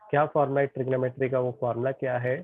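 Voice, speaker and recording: A man's voice: medium pitch, little pitch movement, very fast, no room sound. A male tutor teaching an online physics class, chatty and often checking that students follow. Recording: tinny phone-like online class audio.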